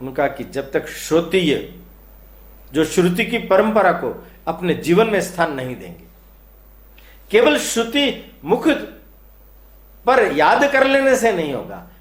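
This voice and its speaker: A man's voice: sits high, big pitch swings, slow pace, long pauses, echoey room, exaggerated voice. A man doing a determined young ascetic sage. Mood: earnest.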